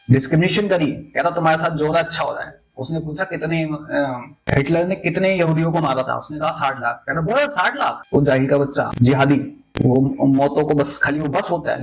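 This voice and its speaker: A man's voice: fairly high pitch, rough recording. A man giving angry reaction commentary, ranting and hurling insults at the people he addresses.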